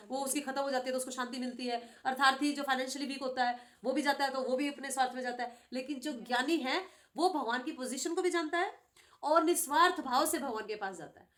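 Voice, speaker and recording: High-pitched woman teaching a scripture class. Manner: animated, questioning students with frequent tag questions. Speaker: spiritual teacher.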